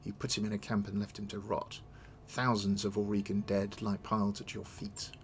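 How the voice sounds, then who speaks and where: A man's voice: on the low side, monotone, normal speed, a little hiss or hum, lightly acted. A man voicing a resolute, wronged noblewoman in a video game, formal and accusing. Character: stern, wronged noblewoman seeking her throne. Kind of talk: read-aloud of video game dialogue.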